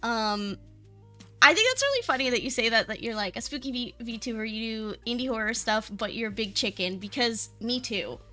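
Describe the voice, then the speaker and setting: A woman's voice: on the high side, expressive, moderate pace, bright, forceful tone. A woman hosting a casual livestream chat as a VTuber, with a bubbly, cute anime-streamer delivery. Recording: music behind the voice. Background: music.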